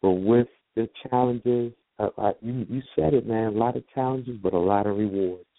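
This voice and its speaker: A man in his fifties, a radio guest, talking in an unhurried, reflective way. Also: on the low side, gravelly, no echo. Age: 50s. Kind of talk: casual radio talk. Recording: dry phone-line call audio.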